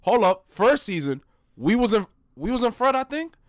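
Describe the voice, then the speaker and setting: A young man hosting a casual chat, animated, laughing often and repeating himself. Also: extremely high pitch, normal speed, no room sound, clean studio sound. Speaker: podcast host.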